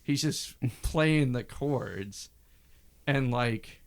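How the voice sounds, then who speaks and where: Smooth-voiced man telling music stories. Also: medium pitch, drawn-out words. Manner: rambling storyteller, mimics singing and quotes. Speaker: podcast co-host. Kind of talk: casual album discussion.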